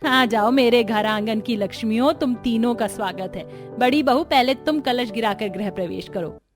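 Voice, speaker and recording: A woman voicing a humble, gentle older mother-in-law in a cartoon, earnest and pleading. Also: fairly high pitch, moderate pace, soft background music, natural voice.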